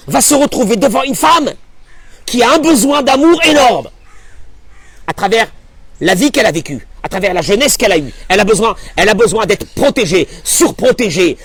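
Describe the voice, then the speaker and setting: Animated high-voiced rabbi. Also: male voice, husky, dry recording. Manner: emphatic, animated, rhetorical questions. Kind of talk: Torah class sermon.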